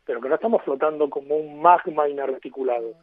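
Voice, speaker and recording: Fast-talking man on a phone line. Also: a little high, no echo. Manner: fast, expansive, lecturing. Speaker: guest. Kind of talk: radio interview by phone.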